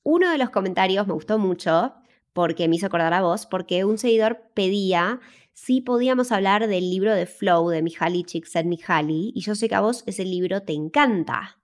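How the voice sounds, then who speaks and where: A woman's voice: medium pitch, moderate pace. Upbeat Rioplatense woman co-hosting. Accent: Rioplatense Spanish. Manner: upbeat and playful, teases her co-host. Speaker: podcast co-host. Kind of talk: casual podcast chat.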